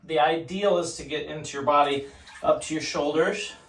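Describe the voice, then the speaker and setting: This man's voice sits on the high side at normal speed as he sits in an ice cold home bathtub, casually teaching the camera about ice baths. The bathroom echoes, water splashes, and he's far from the mic.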